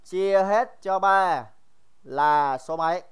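A man's voice: high voice, takes it slowly, smooth. A young man teaching a casual livestream math review, chatty and joking, teasing his students by name and often repeating himself.

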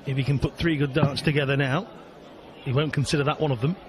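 A man giving live darts commentary in measured, short play-by-play phrases. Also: mid-range voice, fairly even intonation, a crowd in the background. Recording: clear background venue noise. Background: darts venue ambience.

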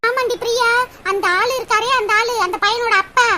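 A woman's voice: very high-pitched, steady tone, fairly quick. A woman voicing a bossy middle-aged village neighbour in a cartoon, coaxing and scolding with folksy sayings in a southern Tamil accent. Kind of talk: dubbed cartoon comedy. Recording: loud hiss and clicks over the voice.

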